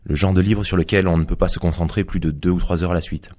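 A man's voice: deep voice, steady tone, fast talker, a little mellow. A man reading aloud as a first-person narrator, a sardonic psychologist who scorns belief, in a dry, mocking monologue. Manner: dry, mocking monologue with asides to an unseen listener. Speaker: author reading his novel aloud.

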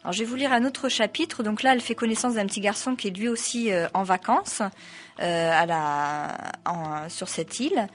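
A woman's voice: medium pitch, normal speed, slight background noise. A woman reading a novel aloud, breaking off for hesitant spoken asides full of fillers. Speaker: reader.

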